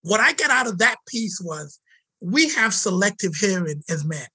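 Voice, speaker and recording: A man guest telling a story in conversation, animated and emphatic. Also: high-pitched, moderate pace, slightly rough, rough recording.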